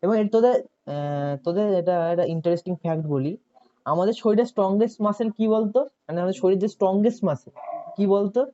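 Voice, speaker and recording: Warm-toned and mid-range, this tutor talks quickly through a casual online coaching session. They often put questions to the students and check whether everyone follows, saying "ঠিক আছে" again and again, and the recording sounds dull and lo-fi.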